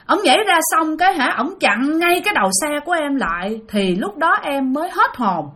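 A man's voice: very high-pitched, sing-song, normal speed, bright, forceful tone, voice pushed up, heavily acted. A woman voicing the tearful ghost of a young man who begs that he did not want to die, with a Southern Vietnamese accent. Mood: tearful pleading. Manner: sobbing, begging, urgent.

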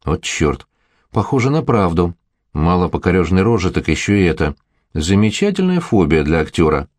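A man's voice: low voice, very animated, moderate pace, a little mellow, no room sound. A man reading a glum, scarred young actor. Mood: uneasy.

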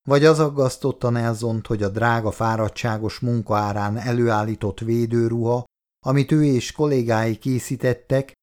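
Low gravelly male audiobook narrator. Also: darkish tone.

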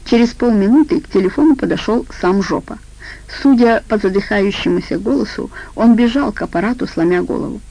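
A woman narrates a crime audiobook in a steady, even storytelling manner. Her voice is warm and a little gravelly, at a medium pitch. The recording is dry and close. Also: a little fast, dry recording, poor audio.

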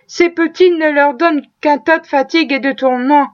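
A woman's voice: high voice, steady tone, moderate pace, lightly acted. A woman voicing Haley, a scheming middle-aged slave trader who whines and wheedles, on a dull lo-fi recording. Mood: lamenting. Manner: whining, wheedling.

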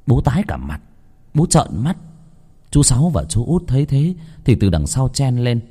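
A man narrating a first-person ghost story with a lively, dramatic telling. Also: on the low side, husky.

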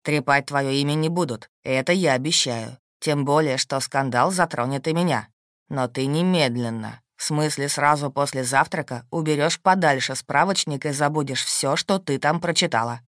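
A woman reading an audiobook, voicing a calm, shrewd and protective husband in a steady, dry, matter-of-fact way. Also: low voice, normal speed, dry recording, voice pushed down. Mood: calm, firm. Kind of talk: audiobook character voice.

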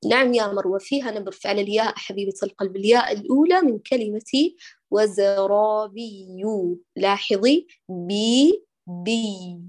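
A woman teaching Quran recitation, patiently correcting a student and slowly demonstrating throat letters. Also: medium pitch. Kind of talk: online recitation correction lesson.

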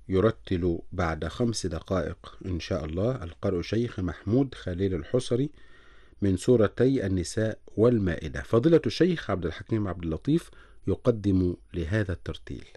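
A man announcing an upcoming program on a radio station in a measured formal delivery. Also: sits low, warm tone, husky. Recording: live radio broadcast.

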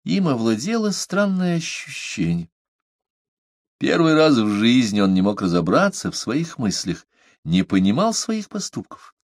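A man reading a novel aloud as an audiobook narrator, in an expressive, lively manner. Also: mid-range voice, measured pace, no echo, studio quality.

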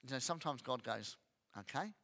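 Animated preacher with a bright voice in a reverberant hall. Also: male voice, on the high side, a little slow. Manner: animated, acts out grumbling voices. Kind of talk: sermon.

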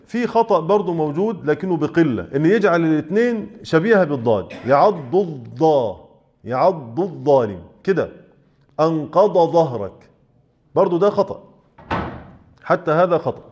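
A man with an Egyptian accent teaching Quran recitation rules. He asks rhetorical questions and sounds out letters slowly and repeatedly. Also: a little high, a little mellow, lo-fi sound. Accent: Egyptian Arabic. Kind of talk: explaining tajweed rules in class.

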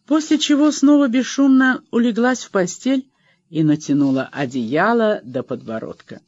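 A man narrating an audiobook in steady scripted storytelling. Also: high voice, normal speed, dry recording. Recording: dry, slightly dull.

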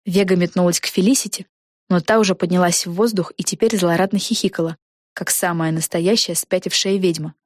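A woman narrating a children's fantasy audiobook in a lively, expressive way. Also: lowish voice, fairly quick, dry recording, studio quality. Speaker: audiobook reader. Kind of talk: storybook narration.

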